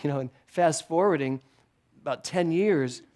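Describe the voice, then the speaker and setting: Middle-aged male speaker, slightly high voice, animated, chatty sermon delivery with lots of laughter and self-mocking asides. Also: normal speed. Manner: animated storytelling with frequent laughter; conversational and self-deprecating. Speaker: guest speaker at a spiritual center.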